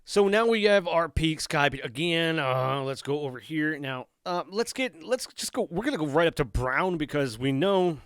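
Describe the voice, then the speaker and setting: In a dry recording, a guitar tutorial host speaks at a normal speed with few pauses, his fairly high voice animated, smooth, and a bit bright. He adjusts settings while thinking aloud, poking fun at his own playing in a casual demo.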